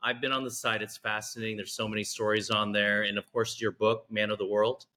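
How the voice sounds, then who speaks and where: A man's voice: on the low side, little pitch movement, a little fast, pushed and bright. A man hosting an interview podcast, thanking his guest and reading a friendly sign-off. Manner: friendly, reads outro promos. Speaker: podcast host.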